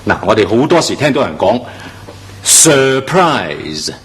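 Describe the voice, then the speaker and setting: An emphatic male teacher with an animated pitch demonstrates English pronunciation, classroom style. He voices each model word in a slow, drawn-out way.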